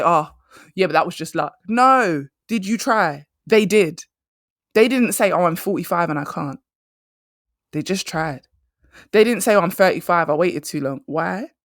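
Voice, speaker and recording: A woman's voice: on the low side, expressive, moderate pace, dry recording, clean studio sound. A woman, hosting a motivational career podcast and speaking emphatically, repeating her key phrases. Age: 30s. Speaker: career coach and podcast host.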